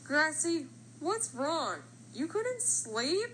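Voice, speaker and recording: A woman plays a caring cartoon basketball who explains things in a reassuring way. The delivery is very slow in a high voice, with some noise in the background. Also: sing-song, fairly bright tone, full character voice. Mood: relieved, concerned. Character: concerned, helpful talking cartoon basketball. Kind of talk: cartoon character voice lines.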